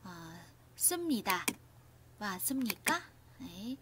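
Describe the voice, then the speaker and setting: A woman's voice: medium pitch, big pitch swings, slow, background noise. A woman teaching a grammar lesson, often restarting phrases and asking her viewers questions. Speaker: Korean language teacher.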